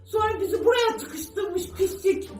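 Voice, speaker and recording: A woman's voice: very high-pitched, unhurried, a little mellow. A woman voicing a panicked girl trapped with her friend in a role-play story. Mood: tearful. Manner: panicked, urgent. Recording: echoey room with faint music.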